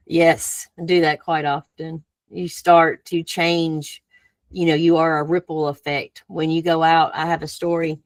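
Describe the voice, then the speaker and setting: A woman giving a spiritual coaching talk, telling stories in an animated, playful way. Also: sits low, no echo. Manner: animated storytelling, playful, with laughs. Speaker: summit speaker.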